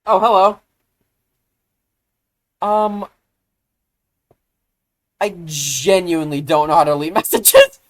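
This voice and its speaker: Casual live streamer, mid-range voice, chatty and self-deprecating, lots of "like" and "um", spikes into loud excitement. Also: medium pitch, slow pace, long pauses. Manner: rambling, filler-heavy, self-deprecating; easily excited, bursts into loud exclamations.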